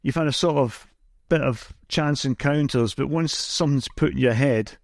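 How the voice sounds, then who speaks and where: Host, mid-pitched man, long rambling questions, dry close sound. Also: moderate pace, vocal fry, no echo. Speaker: podcast host. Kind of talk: interview questions.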